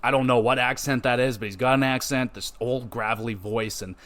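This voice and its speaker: A man's voice: medium pitch, brisk. Casual cursing man reviewing a game. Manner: loose, profane and animated, with many fillers and restarts. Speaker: podcast host reviewing a game.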